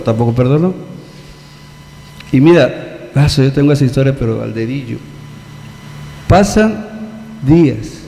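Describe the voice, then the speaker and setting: Man, mexican accent, lively sermon, mellow tone, long church reverb. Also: on the high side. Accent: Mexican Spanish. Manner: animated, acts out quoted voices, conversational. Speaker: preacher. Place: church hall.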